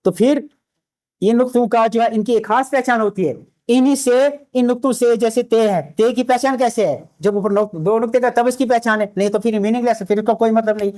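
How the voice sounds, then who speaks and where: Man, Urdu teacher, high voice, classroom lecture, patient, repeats letters slowly. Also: a little mellow. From India.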